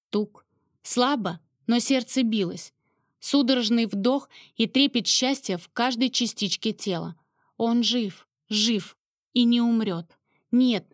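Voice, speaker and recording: A woman's voice: medium pitch, no room sound, clean studio sound. A woman narrating a first-person romance novel with emotional, dramatic storytelling. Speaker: audiobook narrator.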